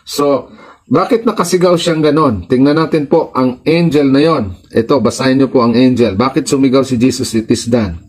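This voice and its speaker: A man's voice: medium pitch, normal speed, a little mellow, husky, rough recording. A man with a Filipino accent, a pastor preaching a sermon. He reads passages aloud in English, then explains them in Tagalog, repeating his points with emphasis.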